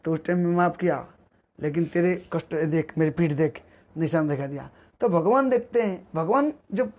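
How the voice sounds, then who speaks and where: A man with a high voice preaches a devotional storytelling sermon. He acts out the voices in his stories, swinging his pitch and pace for each one. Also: normal speed, a little mellow.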